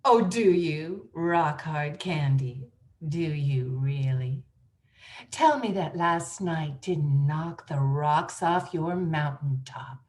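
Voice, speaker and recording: Woman doing a sultry, smug seductress with a low purr, slow drawl. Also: animated, darkish tone. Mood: teasing, sultry. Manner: low, purring and teasing. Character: sultry, brazen female seductress mocking a rival. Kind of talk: improvised comedy scene.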